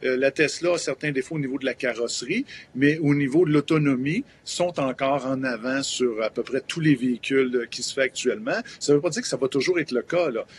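A man's voice: mid-range voice, a little fast, few pauses, a little hiss or hum. Hesitant Québécois man, promoter. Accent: Québécois French. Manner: hesitant, many fillers, explanatory. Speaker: event promoter. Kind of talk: live TV interview. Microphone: remote video link.

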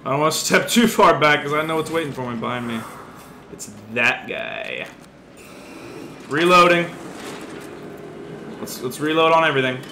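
A man does let's play commentary, excitable and jumpy, swearing often as he plays. His voice sits a touch high for a man. The sound is roomy, with steady background noise underneath. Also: brisk, long pauses. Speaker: gaming video host.

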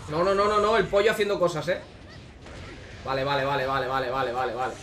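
A young man streaming a gacha game, swearing freely and pleading with the game, swinging from mutters to shouts. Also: mid-range voice, fairly even intonation, fast, a little hiss or hum. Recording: echoey room with background music.

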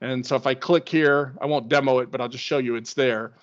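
Guy running a tech webinar, chatty and excited, kinda muffled web call audio. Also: medium pitch, fairly quick. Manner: enthusiastic, conversational explainer. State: hiccups. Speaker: webinar presenter. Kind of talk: screen-share tech webinar.

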